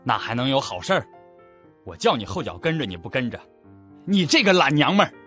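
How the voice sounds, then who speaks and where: An actor playing a petty, blustering middle-aged male shopkeeper in an audiobook drama, huffing and quick to shout. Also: medium pitch, big pitch swings, soft background music. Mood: angry. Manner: hot-tempered, huffing, shouting. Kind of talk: audiobook radio-drama acting.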